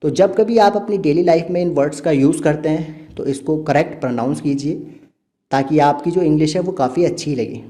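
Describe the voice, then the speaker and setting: Mellow-voiced man teaching pronunciation. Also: on the high side. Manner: patient, repeats words slowly to model sounds. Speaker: English teacher. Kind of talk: explaining pronunciation to kids.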